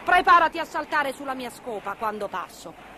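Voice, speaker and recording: A woman's voice: expressive, moderate pace, noisy background. A woman voicing a scheming, cruel sea witch in a storybook reading, coaxing and wheedling. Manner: coaxing, then shrill and furious.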